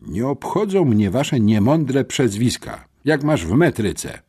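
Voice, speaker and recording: A sneering, suspicious police officer, as a male narrator puts him on, leaning hard on the boys in an audiobook. His voice climbs and drops widely as he mutters and then presses, with a mellow, slightly husky tone. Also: medium pitch, sing-song, slow, voice pushed up, full character voice. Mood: interrogating. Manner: mocking, mutters, stern interrogator. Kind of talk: audiobook character voice.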